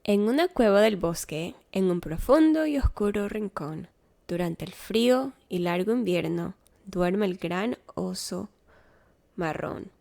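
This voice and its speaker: A woman reading a children's story aloud in a slow, gentle, rhythmic way. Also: medium pitch, animated, creaky. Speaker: storybook reader.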